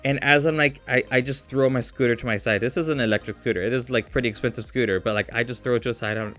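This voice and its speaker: A man's voice: medium pitch, fairly even intonation, quick pace, fairly bright tone, soft background music. Rambling man telling a personal story. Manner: rambling, self-interrupting, emotional. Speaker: vlogger. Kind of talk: casual storytelling monologue.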